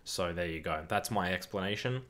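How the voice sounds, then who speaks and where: A man with a fairly low voice hosts a live football watch-along stream. He talks casually, answers viewers' comments and reacts loudly to the play. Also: brisk.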